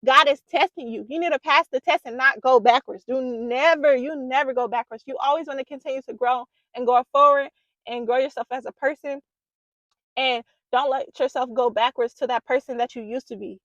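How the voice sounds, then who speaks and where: Emphatic high-voiced young woman vlogger. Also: steady tone, a little fast, fairly bright tone, no room sound, muffled recording. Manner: emphatic, preachy, repeats for emphasis. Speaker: vlogger giving relationship advice. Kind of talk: casual advice talk to camera. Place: small room at home. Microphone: close microphone.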